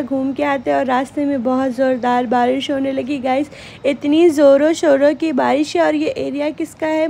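Chatty high-voiced young woman vlogger. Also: vocal fry, darkish tone, slight background noise. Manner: chatty, addresses viewers as guys. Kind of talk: casual vlog narration.

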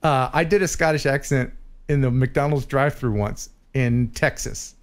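A man's voice: medium pitch, moderate pace. A man hosting a show, chatting casually and jokily about viewer drone footage. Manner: lively, laughs often, jokey asides. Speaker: show host.

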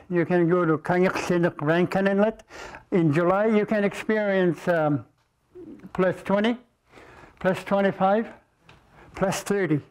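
A man in his seventies with an Inuit accent, giving an informal lecture in a halting, deliberate way with pauses. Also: high voice, darkish tone, poor audio. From Naujaat (Repulse Bay), Canadian Arctic. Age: 70s. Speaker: guest speaker, Inuit elder. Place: university lecture room, indoors, before an audience.

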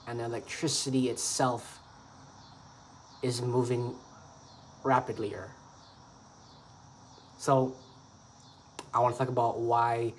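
Earnest rambling man, faint room hum. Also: medium pitch. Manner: earnest, repetitive, loose improvised phrasing. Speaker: beatbox vlogger. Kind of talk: rambling monologue to camera.

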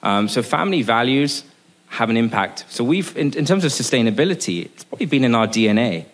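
A man's voice: medium pitch, sing-song, fairly quick. A man from Sri Lanka in his forties giving a conference speech at a lectern microphone, earnest, with many restarts and fillers. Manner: gestures at a lectern. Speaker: business executive speaking at a panel. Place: conference room, indoors.

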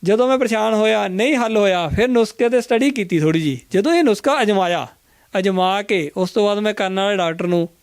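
A man, an herbal remedy practitioner, explaining home cures in a health interview and acting out his patients' words in an animated way. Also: sits high, quick pace, clear, resonant tone, dry recording, clean studio sound.

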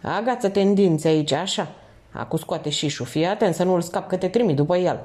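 A woman voicing a calm, seasoned male burglar who speaks tersely and steadily, in an audiobook. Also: fairly low pitch, close to an everyday voice. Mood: steady.

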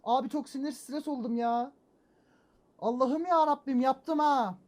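A man hosting a gaming channel, commenting on his own play as he goes, muttering to himself and breaking into loud frustrated exclamations and mild swearing. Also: very high-pitched, unhurried. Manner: talks to himself while playing, excitable, frequent exclamations and mild swearing; swings between calm muttering and loud frustrated outbursts. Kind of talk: let's-play gameplay commentary.

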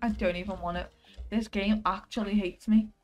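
A woman's voice: medium pitch, steady tone, moderate pace, lo-fi sound, soft background music. A woman in her thirties chatting casually and exclaiming as she eats gross jelly beans. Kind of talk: casual chat, challenge video. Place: small living room at home, indoors.

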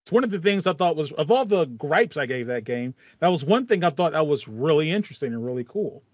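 An American man in his thirties co-hosts a casual podcast about video games, talking fast with a fairly high pitch and big swings in tone. He adds slangy storytelling asides over a headset on a video call from a small home room with foam wall panels. The audio is dull, with no room sound.

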